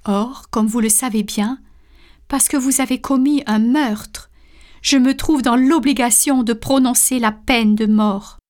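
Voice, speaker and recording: A stern, measured judge speaks in a storybook tale, read by a woman. The formal lines come slowly, in a slightly high voice. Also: fairly even intonation, darkish tone, natural voice. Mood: solemn. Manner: formal, deliberate. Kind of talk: storybook reading.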